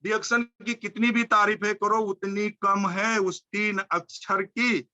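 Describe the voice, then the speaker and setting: Fervent male motivational speaker, very high and piercingly bright voice, chanting repetition. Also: little pitch movement, takes it slowly, dull audio. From India. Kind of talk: high-energy motivational speech.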